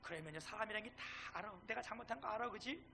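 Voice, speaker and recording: Male pastor, middle-aged, animated sermon delivery; gravelly, very bright tone. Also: high voice, quick pace. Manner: animated, swings between loud and hushed; acts out quoted dialogue.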